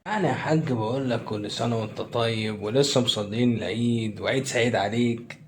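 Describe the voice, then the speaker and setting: Young Egyptian man, Egyptian accent, cheeky pleading sketch delivery, mid-pitched voice. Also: fairly quick, noisy background. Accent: Egyptian Arabic. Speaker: comedy sketch creator. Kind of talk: comedy sketch.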